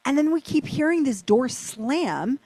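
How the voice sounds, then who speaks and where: A woman's voice: high-pitched, unhurried, dry recording. A woman telling a rambling personal story as an interview guest, with lots of "like". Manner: animated, rambling, heavy use of "like". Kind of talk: casual storytelling.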